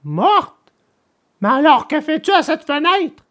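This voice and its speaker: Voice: high voice, slow pace, voice pushed up. A narrator doing a desperate wooden puppet boy. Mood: pleading. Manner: pleading, tearful.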